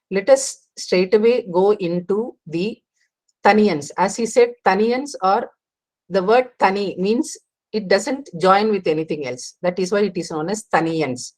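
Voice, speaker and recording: A woman, explaining devotional texts in a class, pausing and restarting as she goes. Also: mid-range voice, a little mellow. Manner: explanatory, with frequent pauses and restarts. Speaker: religious teacher.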